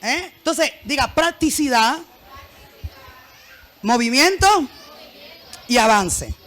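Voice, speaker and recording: A woman pastor preaching a sermon in church, lively and joking, often having the congregation repeat her phrases. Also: a little high, takes it slowly.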